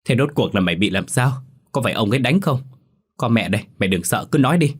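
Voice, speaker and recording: A man voicing a furious middle-aged village mother who scolds in a shrill, sharp-tongued way, in a read-aloud ghost story. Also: lively intonation, fast, breathy edge. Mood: pressing.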